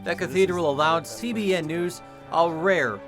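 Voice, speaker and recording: American guy doing a tv news feature voiceover, fairly high voice, music bed behind him. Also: moderate pace. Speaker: television news reporter. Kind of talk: scripted news feature narration.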